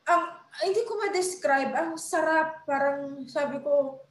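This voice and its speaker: A woman's voice: sits high, a little slow, roomy sound. A young woman in casual chat, telling an emotional story with laughter and acting out the people she quotes. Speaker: podcast guest.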